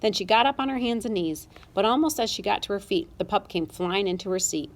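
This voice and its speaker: A woman narrating a children's storybook with a lively, expressive reading. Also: mid-range voice, a little fast. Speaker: audiobook narrator.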